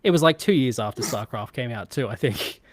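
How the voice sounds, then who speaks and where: A woman's voice: a bass voice, expressive, fairly quick, dry recording. A woman co-hosting a casual podcast chat, exasperated, swearing a lot and laughing easily. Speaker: podcast co-host.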